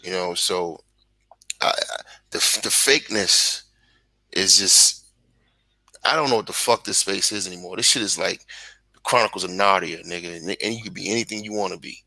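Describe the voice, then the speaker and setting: A man's voice: low-pitched, normal speed, gravelly, long pauses, sharp tone, dry recording, poor audio. A man in his forties from Brooklyn with a Brooklyn accent, a guest on a video call, talking bluntly and profanely in casual chat. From Brooklyn, New York.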